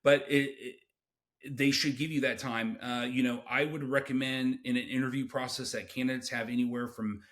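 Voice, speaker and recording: A man's voice: mid-range voice, fairly even intonation, normal speed, fairly bright tone. A man speaking as a recruiter in an interview, giving direct, emphatic and instructive advice. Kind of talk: interview advice, explanatory talk.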